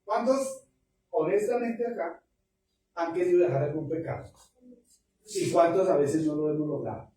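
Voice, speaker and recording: A man's voice: a little high, moderate pace, pauses often, dark tone. A man, a pastor preaching an emphatic, fervent sermon full of repetitions. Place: church hall. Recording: echoey hall, distant mic, faint noise.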